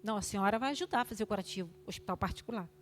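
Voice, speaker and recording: An older woman giving an emotional testimony at a church service, fervent, moving between loud exhortation and hushed tones. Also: medium pitch, racing, a little hiss or hum.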